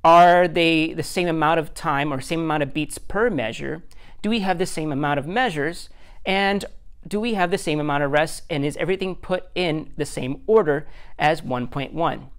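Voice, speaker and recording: A man's voice: a little high, moderate pace, clean tone. A man as a music teacher, giving a recorded lesson step by step, counting beats aloud in a patient, self-deprecating way.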